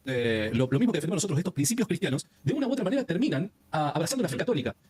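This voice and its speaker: A man conducts an interview, asking probing questions at a rapid pace. His voice is husky and slightly high, and he rephrases as he goes. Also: very animated, a little mellow.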